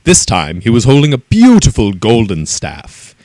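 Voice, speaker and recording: A man with a mid-range voice reads a children's story aloud, animated and expressive, at a moderate pace. There's no room sound in the recording.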